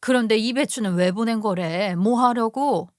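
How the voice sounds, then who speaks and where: A woman's voice: a little high, moderate pace, a little mellow, dry recording, studio quality, lightly acted. A woman voicing a middle-aged mother who fiercely defends her daughter in a dramatized story reading. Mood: indignant. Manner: worried, then indignant on her daughter's behalf.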